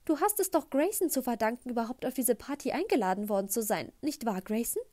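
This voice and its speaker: A woman voicing a gushing, tactless middle-aged mother who talks loudly and effusively. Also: a little high, expressive, fast talker, no echo, pitched above the performer's own voice. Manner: loud, effusive, embarrassing chatter.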